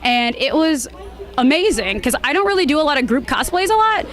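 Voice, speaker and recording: A high-voiced woman, interviewed as a cosplayer, talks about her hobby in a casual, conversational way. She comes across bubbly and expressive, speaking a little fast with faint music in the background.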